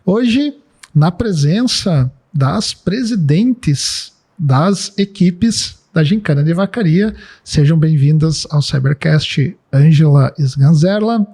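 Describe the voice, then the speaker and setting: A man's voice: on the high side, animated, takes it slowly, warm tone, slightly rough. A man hosting a podcast interview, introducing his guests and handing them the floor with short prompts. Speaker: podcast host.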